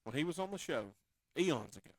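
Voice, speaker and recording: Lively laid-back man. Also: on the high side, a little fast, dry recording, studio quality. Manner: laid-back, joking, repeats phrases. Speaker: podcast host. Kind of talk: casual chat.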